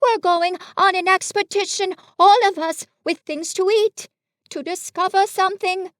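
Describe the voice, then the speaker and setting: A woman's voice: very high voice, a little slow, a bit bright, no echo, clean studio sound, pitched above the performer's own voice. A woman voicing a cheerful, simple little bear in a children's story, with a naive, bumbling, eager manner. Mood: excited. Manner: naive, bumbling, muddles long words. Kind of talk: children's storybook character reading.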